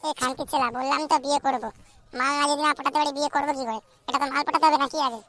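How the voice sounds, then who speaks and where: A woman with a high, steady, slightly bright voice does cartoon voice acting as a whiny, crude young bachelor. She chatters fast and complains, her lines full of swearing.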